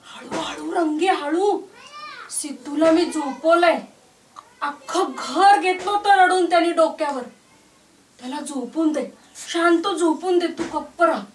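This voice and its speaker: A woman's voice: very high-pitched, roomy sound, distant mic, slight background noise. A woman playing a grief-crazed young mother. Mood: hushed grief. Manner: hushed, fragile, slow.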